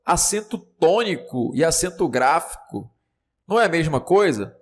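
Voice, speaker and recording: A man with a Brazilian Portuguese accent voicing a puzzled student who quickly asks the teacher questions. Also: fairly high pitch, expressive, pitched above the performer's own voice. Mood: questioning.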